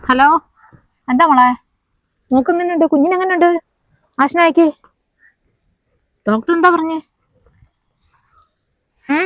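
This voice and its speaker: A woman's voice: medium pitch, level tone, a little fast, lightly acted. A woman acts out an anxious, caring mother-in-law in an amateur family web drama. She soothes, repeats herself, and worries aloud. The recording is a little dull and lo-fi. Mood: loud, alarmed. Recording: slightly dull, lo-fi sound.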